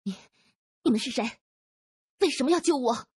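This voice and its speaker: A man voicing an anxious young woman who leads a gang, speaking in a breathy, husky voice with pleading questions. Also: very high-pitched, very animated, fairly quick, warm tone, no echo, studio quality, pitched above the performer's own voice, heavily acted. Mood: frightened. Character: frightened young woman gang boss, emotional.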